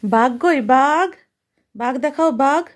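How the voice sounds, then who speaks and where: Young mother with a high voice, slow and patient, sing-song animal noises for her little one. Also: background noise. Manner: sing-song, imitating animal sounds for a child; turns aside to explain calmly. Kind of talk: reading a picture book to a toddler.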